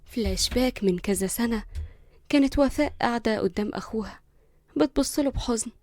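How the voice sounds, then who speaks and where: A woman's voice: a little high, brisk, darkish tone, no room sound. A woman with an Egyptian Arabic accent narrating a story and addressing her listeners directly and affectionately.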